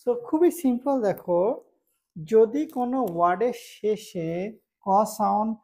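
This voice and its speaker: A woman with a Bangladeshi accent teaching English pronunciation, explaining slowly, repeating each word and asking if it is clear. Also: on the high side, lively intonation, warm tone. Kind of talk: spoken English lesson.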